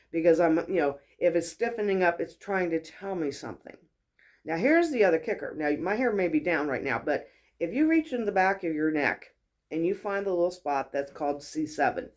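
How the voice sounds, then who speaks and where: A chatty woman hosts a casual spiritual teaching talk. She tells stories in a lively, conversational way and acts out the voices of the people she quotes. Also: on the low side. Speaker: host, wellness mentor.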